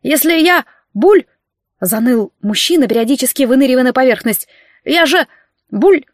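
Woman reader playing a bearded guy half underwater, sputtering and gurgling, squeaky and loud, dry close sound. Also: a little fast, no room sound, natural voice. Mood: panicked. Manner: sputtering, gurgling cries between words. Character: panicked half-drowning bearded man servant. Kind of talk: audiobook character voice.

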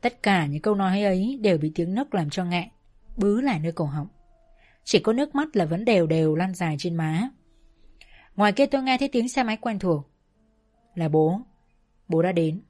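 A woman narrating a first-person family story in a soft, emotional way. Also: on the low side, expressive, moderate pace, pauses often, soft background music.

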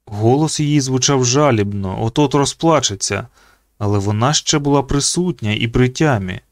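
A man narrating an audiobook in an expressive reading voice. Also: normal speed, dry recording, studio quality. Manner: reads expressively, pitching up for the children's quoted lines.

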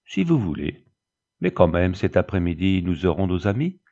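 A man reading the part of a kind young woman, the elder sister, speaking calmly and reassuringly in a storybook reading. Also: sits low, moderate pace, lo-fi sound.

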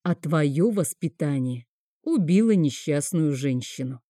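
Woman doing a cold sneering priest guy in an audiobook, low dark voice, calm. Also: a little slow, no room sound, studio quality. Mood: scornful. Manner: calm, scornful. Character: high priest, older man, cold and sarcastic.

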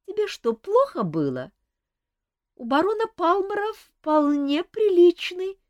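Woman voicing a lazy drawling court gossip, lively high voice, dry sound. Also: a little slow, no room sound, heavily acted. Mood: gossipy. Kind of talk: audiobook character reading.

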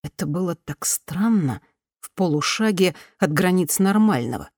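Low-voiced woman narrating a novel. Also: animated, normal speed, darkish tone, no echo, studio quality. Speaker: audiobook narrator. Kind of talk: scripted narration.

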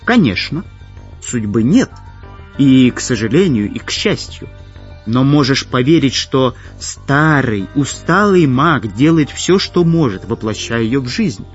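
A man's voice: mid-range voice, animated, unhurried, natural voice. Gesser, a man reading as a weary old mage. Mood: melancholy. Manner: melancholy, gently guilty. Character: old weary male head mage, fatherly. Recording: dull lo-fi audiobook with faint music.

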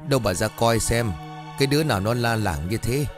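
A man voicing an anxious, sharp-tongued old village woman in her seventies who calls out shrilly and scolds. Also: mid-range voice, fairly quick, faint music behind, close to an everyday voice. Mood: frightened.

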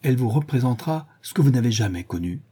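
A man's voice: medium pitch, animated, fast talker, dark tone, breathy edge, voice pushed up. A man voicing an earnest, ardent young man in a classic novel audiobook.

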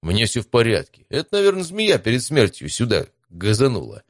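A man's voice: medium pitch, huge pitch swings, a little fast, no room sound, clean studio sound, pitched above the performer's own voice. A man voicing a mild, laid-back young male adventurer in an audiobook. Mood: easygoing. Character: good-natured easygoing young male adventurer. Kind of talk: audiobook character voice.

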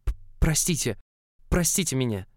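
A man's voice: medium pitch, brisk, no room sound, clean studio sound, pitched above the performer's own voice, lightly acted. A man voicing a clumsy, flustered nineteen-year-old young man in an audiobook, stammering and pleading. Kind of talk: audiobook character voice.

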